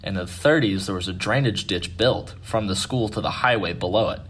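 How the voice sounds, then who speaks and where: A man's voice: lowish voice, a little fast, a bit bright, slight background noise. A man telling a ghost story in a laid-back, casual way, swearing freely and poking fun at himself.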